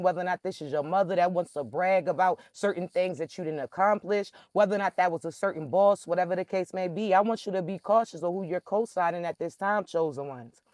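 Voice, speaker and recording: A young man with a high, raspy voice delivers a spiritual message directly to camera, speaking emphatically and in a preacherly way to his listeners. The recording is studio quality with no room sound.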